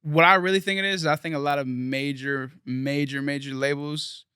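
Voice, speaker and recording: Young guy from south florida, chatty and rambly, bright clear voice, dry sound. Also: on the high side, steady tone, normal speed, no room sound. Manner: rambling, filler-heavy, earnest. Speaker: guest musician. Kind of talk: casual interview chat.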